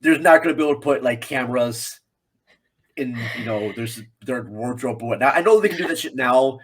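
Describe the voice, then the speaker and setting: A guest commentator on a film podcast, this American man talks in a casual, rambling, fairly quick way. His husky voice sits at an ordinary male pitch, and he repeats phrases to drive his point home.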